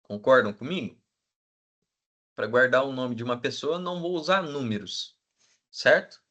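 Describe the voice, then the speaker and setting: A man teaching a class, checking in with the students all the time and filling pauses with hesitant sounds. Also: medium pitch, sharp tone. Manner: asks the class for agreement constantly; fills with "né?" and hesitant "é". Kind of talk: classroom lecture.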